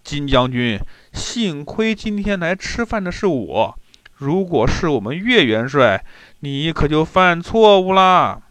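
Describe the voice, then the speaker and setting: A man's voice: a little high, very animated, slow, dry recording, exaggerated voice. A man playing a rowdy, boastful drunk general. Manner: loud, jovial bragging. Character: boisterous hard-drinking male general.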